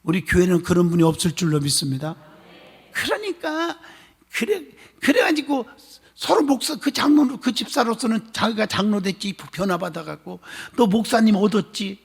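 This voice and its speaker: A male pastor preaching a sermon, telling a story with animated gusto and calling on the congregation for amens. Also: high-pitched, brisk, creaky, husky. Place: church sanctuary. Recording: long church hall reverb.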